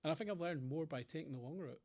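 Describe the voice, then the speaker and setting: Scottish man, middle-aged, brisk rambling anecdotes for a panel Q&A. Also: a little high, a little mellow. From Scotland. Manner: rambling anecdotes with quoted voices. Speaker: panel speaker. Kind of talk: conversational Q&A storytelling.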